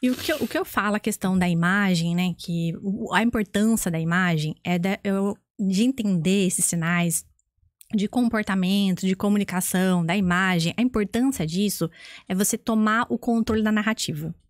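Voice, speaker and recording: A woman, a guest image consultant telling a story in a casual interview, animated and laughing often. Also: mid-range voice, normal speed, no room sound, clean studio sound. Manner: animated, acts out quoted voices, laughs often.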